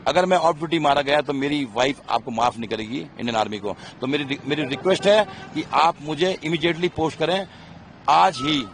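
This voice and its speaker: A man's voice: on the high side, moderate pace, a little hiss or hum. A middle-aged man, an army officer, speaking in an impassioned, emphatic interview, pleading and repeating himself.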